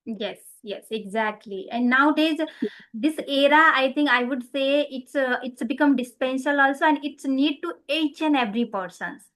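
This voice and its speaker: A woman's voice: sits high, moderate pace, a bit bright. Friendly woman asking questions. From Nepal. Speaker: conversation partner asking questions. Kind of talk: casual conversation practice.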